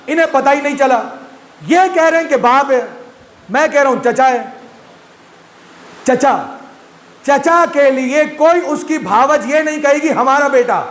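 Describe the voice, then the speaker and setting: A man's voice: very high voice, slight background noise. A man from Pakistan giving a Muharram majlis sermon, often putting rhetorical questions to his listeners. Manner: rhetorical, asks the audience questions. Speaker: Shia majlis speaker. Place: large imambargah hall. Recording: echoey hall recording, faint room ambience.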